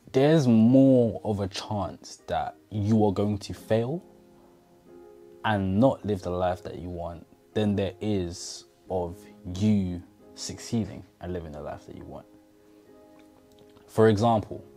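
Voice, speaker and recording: With a lowish, warm voice, a man in his twenties delivers sincere motivation straight to his audience. This bedroom-recorded vlog uses a clip-on lapel mic.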